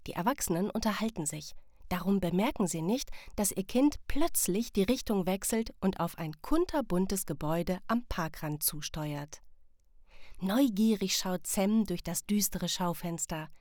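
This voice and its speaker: A woman calmly narrating a scripted children's story. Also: medium pitch, unhurried, dry recording, clean studio sound.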